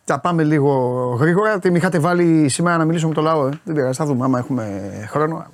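A male talk-show host in casual studio banter, animated and fond of acting out what others said. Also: a little high. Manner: animated, mimics others in excited raised voice.

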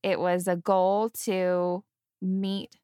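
A woman's voice: on the low side, flat delivery, very slow, warm tone, clear, resonant tone, no room sound, clean studio sound. A woman hosting a podcast interview, speaking in an enthusiastic, gushing manner. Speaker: podcast host. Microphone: video call.

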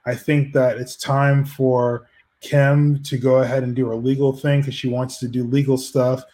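A man's voice: medium pitch, little pitch movement, moderate pace, mellow. A man co-hosting a casual chat, rambling and arguing his point with many restarts. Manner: rambling, argumentative, frequent restarts. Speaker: podcast co-host.

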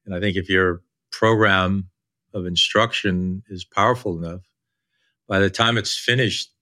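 An older man of the boomer generation hosting a podcast, talking informally as a coach. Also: steady tone, a little slow, pushed and bright. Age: older, baby boomer. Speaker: podcast host and leadership coach.

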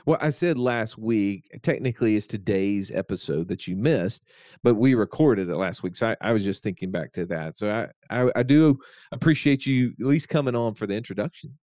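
A man hosting a podcast, welcoming his co-host and introducing the episode in a relaxed, steady way. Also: on the low side, normal speed, dry recording, studio quality. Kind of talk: casual chat.

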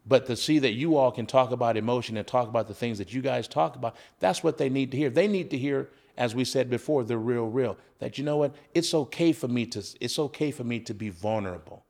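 Gravelly earnest man, preaching. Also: medium pitch, a little fast, hardly any pauses, a little mellow. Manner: earnest, preacher-like, asks rhetorical questions. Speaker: podcast guest, former coach. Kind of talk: conversational storytelling with preaching.

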